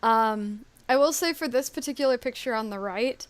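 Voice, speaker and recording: A woman's voice: fairly high pitch, normal speed, clear, resonant tone. A woman co-hosting a casual live stream, talking in a chatty, rambling way with many ums and little laughs. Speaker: story creator and stream co-host.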